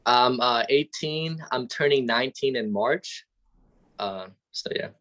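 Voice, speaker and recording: A man's voice: mid-range voice, a bit bright. A young man, eagerly answering interview questions as a guest over a video call. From Albania. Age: young adult. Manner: eager, enthusiastic, talks quickly in short bursts. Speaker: guest, real estate student.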